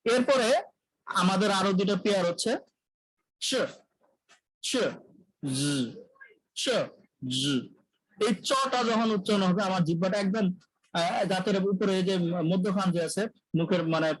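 A man teaching English pronunciation in a live online lecture, drilling sounds by repeating them and often clearing his throat. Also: high-pitched, dry recording, rough recording. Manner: clears throat often, self-corrects mid-sentence.

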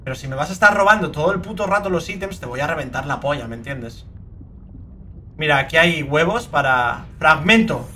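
Young man, Spain Spanish accent, let's play commentary, high lively voice, bright tone, swears constantly. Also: fairly quick, a little hiss or hum. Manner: excitable, swears a lot, breaks into shrieking outbursts. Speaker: gaming video creator.

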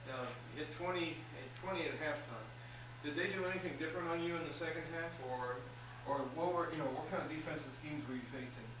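Halting male interviewer in echoey room. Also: a little high. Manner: casual, halting questions with restarts. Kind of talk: post-game press interview. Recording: very echoey room, distant mic, audible hum.

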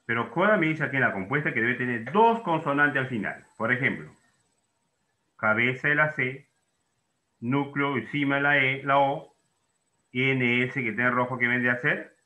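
A man's voice: medium pitch, moderate pace, pushed and bright, reverberant. A man teaching a lesson, asking and answering his own questions and putting students' doubts into words. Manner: explains in questions, voicing students' doubts himself. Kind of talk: classroom lesson.

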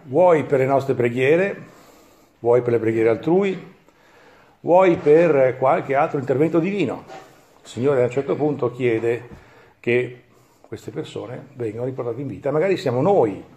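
A man with an Italian accent, a priest who reads the Gospel aloud and then gives a calm, measured homily with thoughtful pauses. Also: medium pitch.

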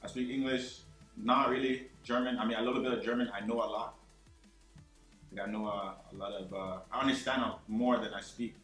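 A young man in his twenties chatting as a guest on a gaming headset, easygoing and modest, sometimes halting over his words. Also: mid-range voice, fairly even intonation, a bit bright, echoey room, faint music behind, rough recording. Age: 20s. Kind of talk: casual gaming chat. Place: bedroom streaming setup, indoors.

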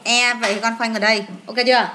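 A woman's voice: on the high side, flat delivery, fast talker, crowd noise. A woman teacher, going through an English test with a child, asking questions and answering them herself.

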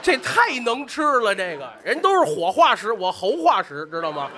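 A man playing the supporting role in crosstalk comedy on stage, answering with stubborn, quick retorts. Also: high-pitched, very animated, sharp tone. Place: theater stage before a live audience.

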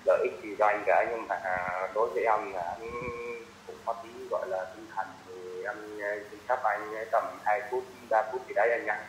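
A man's voice: lowish voice, fairly even intonation, moderate pace. Hesitant young man caller. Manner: hesitant, many fillers. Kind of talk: casual phone call. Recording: roomy echo, faint noise.

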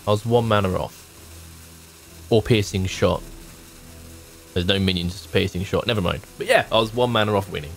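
A low, gravelly voice comes from a man in his thirties streaming a game at home in a small indoor room. He speaks at normal speed, pausing often, musing aloud in short casual remarks as background music plays.

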